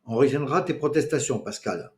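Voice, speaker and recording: A man's voice: mid-range voice, lively intonation, fairly quick, close to an everyday voice. A man voicing a bossy, teasing small-town mayor chairing a meeting.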